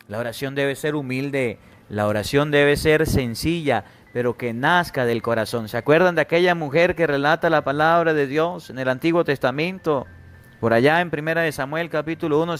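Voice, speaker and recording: A man, a priest giving an emphatic gospel homily who calls his listeners to attention and acts out the pleas he quotes. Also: fairly high pitch. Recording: faint music behind.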